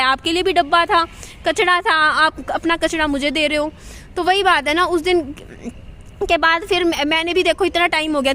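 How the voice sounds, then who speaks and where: A woman's voice: extremely high pitch, bright, forceful tone. A woman talking straight to camera at home in a chatty, venting vlog monologue, repeating herself as she goes. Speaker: vlogger.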